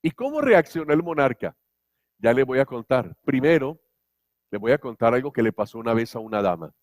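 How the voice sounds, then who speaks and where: A male pastor preaching a sermon, telling stories with animated humor. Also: medium pitch, fairly quick, no room sound.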